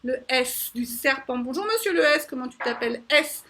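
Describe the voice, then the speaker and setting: Woman, preschool teacher, high voice, animated, repeats sounds slowly, explaining to parents. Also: a little hiss or hum. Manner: animated, repeats each letter sound slowly several times.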